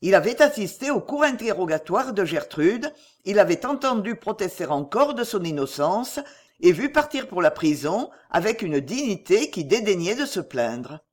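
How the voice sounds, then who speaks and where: A narrator reading a classic novel aloud in an expressive storytelling manner. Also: medium pitch, moderate pace.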